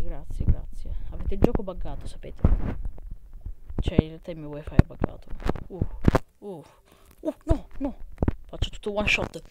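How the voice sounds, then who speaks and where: A young man with an Italian accent giving casual, emphatic, exclamatory gameplay commentary full of slangy complaining. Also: high voice. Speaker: gamer recording gameplay for videos. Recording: very noisy mobile screen recording with clicks.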